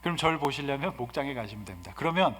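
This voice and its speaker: A man in his fifties, a guest pastor preaching a sermon, swinging from soft asides to loud exhortations. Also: mid-range voice, expressive, racing. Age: 50s. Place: church sanctuary. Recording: hall reverb in a church.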